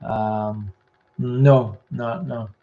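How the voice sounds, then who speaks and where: An immigration consultant hosts a live Q&A, reading viewer comments aloud and answering quickly and matter-of-factly even as his voice gives out. His mid-range voice is steady and mellow, and the audio sounds dull.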